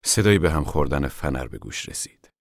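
Very deep-voiced male narrator. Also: very animated, vocal fry, no echo, studio quality. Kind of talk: scripted audiobook narration.

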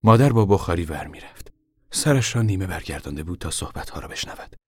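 A man giving scripted narration for a radio drama in a measured, steady way. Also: low voice, breathy edge, no echo, clean studio sound.

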